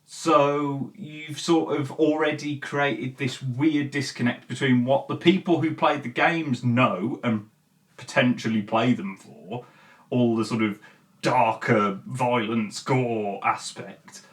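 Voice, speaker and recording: A host with a male-sounding, mid-range voice and fairly even intonation offers opinions in a casual, halting, essay-like commentary for a video essay, chatting to viewers and leaning hard on key words. He's recorded at some distance from the mic.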